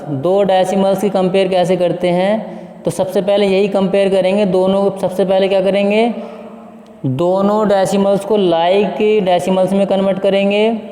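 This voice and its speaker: A man's voice: high-pitched, mellow, reverberant, long reverb tail. A male math teacher, explaining a lesson step by step and asking the class questions that he then answers himself. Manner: reads definitions aloud slowly.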